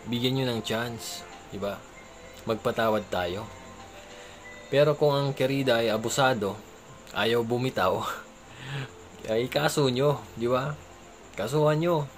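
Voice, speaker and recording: Man vlogger giving casual advice in a mid-pitched voice. He keeps checking for agreement and chuckles now and then. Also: slow pace, pauses often, soft background music. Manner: conversational, keeps asking "di ba?" for agreement; chuckles between remarks. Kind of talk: casual chat.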